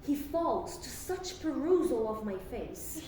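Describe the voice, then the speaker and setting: A woman's voice: sits high, sing-song, slow pace, mellow. A woman working as a drama coach, giving instruction and modelling classical monologue lines to be repeated. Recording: echoey room, distant mic, faint noise.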